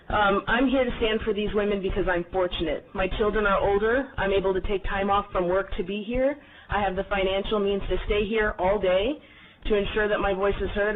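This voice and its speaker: Firm woman testifying, tinny sound. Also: medium pitch. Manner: firm, indignant, with frequent 'um's. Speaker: citizen testifying. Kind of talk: public testimony. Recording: phone-like with faint hiss.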